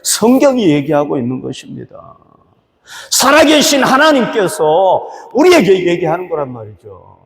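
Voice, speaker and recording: A man's voice: sits high, huge pitch swings, normal speed, vocal fry, long reverb tail, slight background noise. A male pastor preaching a sermon, asking rhetorical questions and rising for emphasis. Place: church hall.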